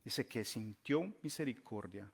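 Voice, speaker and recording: A male pastor preaches a storytelling sermon at an ordinary middle pitch, animated and at a measured pace, with vocal fry and a breathy edge. He stretches out key words for emphasis, and his phrase endings fall away softly.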